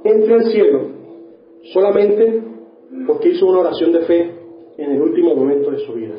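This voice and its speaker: A man's voice: on the high side, normal speed, a little hiss or hum. A man preaching a sermon in a church hall, firing off rhetorical questions and working up to mock indignation. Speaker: pastor. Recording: echoey room, dull lo-fi sound.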